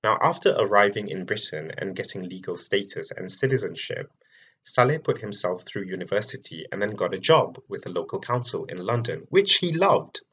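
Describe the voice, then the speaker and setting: A man from Malaysia, a researcher giving a prepared public talk, telling his story in a measured way with clear emphasis. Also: fairly low pitch, sing-song, fairly bright tone, highs cut off.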